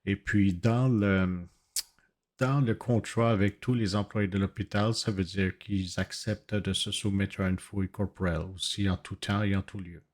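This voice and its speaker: In an improvised role-play, a man whose first language isn't French plays a hospital official or inspector, specifically a formal, hesitant male hospital security official. His voice is low and steady, and he sounds formal and concerned. His delivery is halting and hesitant.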